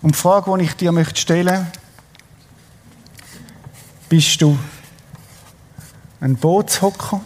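A man's voice: sits high, fairly even intonation, slow pace, pauses often, in a large hall. A middle-aged man with a Swiss German accent preaching a sermon, telling a story with energy and putting questions to his congregation. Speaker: pastor.

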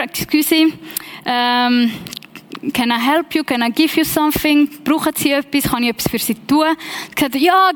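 Swiss German woman, young, high voice, chatty sermon storyteller, mixes in English. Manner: lively, personal, conversational storytelling with English phrases. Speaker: preacher.

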